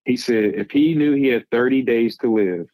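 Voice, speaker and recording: A man's voice: mid-range voice, moderate pace, dry recording, muffled recording. A man talking casually as a podcast guest, giving advice in an emphatic, rambling way.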